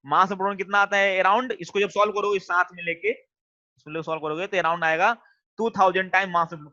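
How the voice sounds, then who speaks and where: A man with a high, bright, ringing voice leads an online class, repeating each question until the students finally reply. The audio quality is dull and lo-fi.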